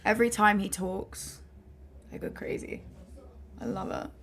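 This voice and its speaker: A woman's voice: mid-range voice, steady tone, slow pace, a bit bright. A young woman, frank and laid-back as a guest in a casual chat. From England.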